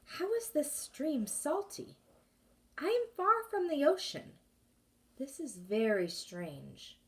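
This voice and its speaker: Curious little girl exclaiming and wondering out loud, storybook voice done by a woman, a bit far from the mic. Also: a little high, wildly swooping pitch, measured pace, voice pushed up. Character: young curious girl on a journey.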